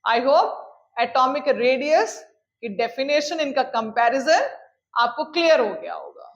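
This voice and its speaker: A woman teaching a chemistry lecture who mixes in English terms, dictates definitions slowly and keeps checking that students follow. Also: high voice, lively intonation, highs cut off. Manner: checks in often with "clear?", calls students "beta". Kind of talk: classroom lecture.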